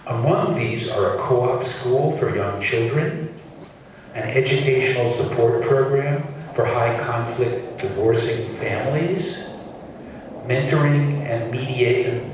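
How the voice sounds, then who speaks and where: A man's voice: mid-range voice, very echoey, recorded from a distance, slight background noise, low-quality recording. A man whose voice sounds like a speakerphone, reading a guest introduction to an audience and correcting his slips. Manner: halting, corrects himself. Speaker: event host. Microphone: room mic addressing an audience.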